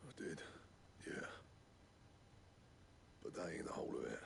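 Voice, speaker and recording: Gruff blacksmith, gravelly, lively pitch, video game. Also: male voice, a little slow, slight background noise, heavily acted. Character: gruff male master blacksmith, blunt and stubborn.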